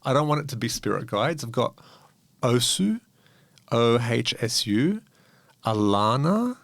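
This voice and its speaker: Gravelly, rambling podcast co-host man. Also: medium pitch, a little slow, no echo. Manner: rambling, animated, swears freely. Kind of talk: casual chat.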